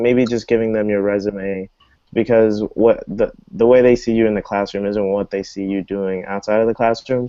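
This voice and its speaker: A man's voice: lowish voice, dark tone, dry recording. A young man from Texas, a student panelist answering questions casually, with lots of fillers and restarts. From Texas, USA. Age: young adult. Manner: casual, hesitant, many fillers. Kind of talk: online Q&A session. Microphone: video call. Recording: slightly muffled video call audio.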